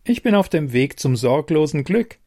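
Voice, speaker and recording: A man's voice: a little high, very animated, normal speed, no room sound, clean studio sound, pitched above the performer's own voice. A man voicing a young woman who hides her nerves behind forced cheer. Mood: feigned cheer. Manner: forced bright, nervous cheer.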